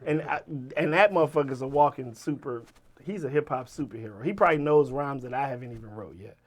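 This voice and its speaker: A man in his forties telling a story as an interview guest, profane and swinging from loud bursts to low mutters. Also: fast. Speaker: rapper guest. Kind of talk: animated storytelling.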